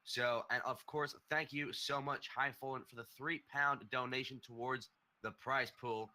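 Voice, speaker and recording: A man commentating a video game match, calling the plays quickly and excitedly. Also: medium pitch. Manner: quick excited play-by-play calls. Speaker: esports caster. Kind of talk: esports play-by-play commentary.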